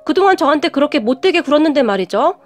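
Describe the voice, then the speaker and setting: Woman telling her family drama story, high and lively voice, soft music under. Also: fast talker. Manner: indignant, confiding. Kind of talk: scripted first-person story narration.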